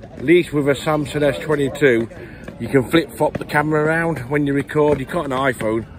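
A man's voice: on the high side, a little fast. A man vlogging on a phone outdoors, chatting and chanting the same phrase in a sing-song way. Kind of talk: casual vlog. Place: outdoors on city streets. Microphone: phone held at arm's length. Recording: phone recording with street noise.

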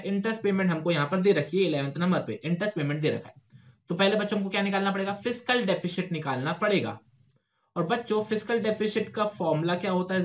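A young Indian man teaching an exam-prep lesson, explaining briskly, asking himself questions and answering them, and reading the English question text slowly. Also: high voice, a bit bright.

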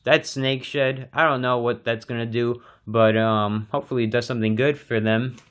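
A young man casually narrating as he feeds his exotic pets, relaxed and chatty with lots of fillers. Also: mid-range voice, normal speed. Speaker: pet keeper and channel host.

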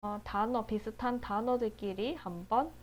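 A woman teaching basic English phonics, explaining calmly and drawing out each word slowly. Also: on the high side, slight background noise. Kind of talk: slow, explanatory phonics lesson.

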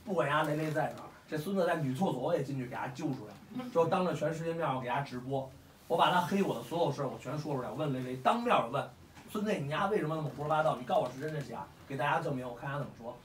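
There's slight background noise as a forty-something Beijing man with a somewhat high voice fires off words rapidly to a crowd of fight fans. As host, he talks casually but heatedly and bluntly, swearing often. It's recorded in an echoey room with a faraway mic.

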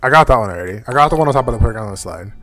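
A man's voice: medium pitch, lively intonation, racing, fairly bright tone. Rambling man chatting through a live game. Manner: chatty, rambling, talks to viewers while playing. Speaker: streamer host. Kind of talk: casual live gameplay chat.

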